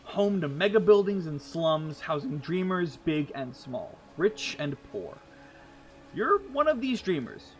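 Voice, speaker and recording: A man running a tabletop game reads scene-setting narration in a measured, dramatic way over a mic that keeps cutting out and sounding robotic. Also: fairly high pitch, very animated, soft background music, low-quality recording. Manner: dramatic, measured read-aloud delivery. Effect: choppy, robotic mic audio that keeps cutting out. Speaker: game master. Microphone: desk mic on an online voice call.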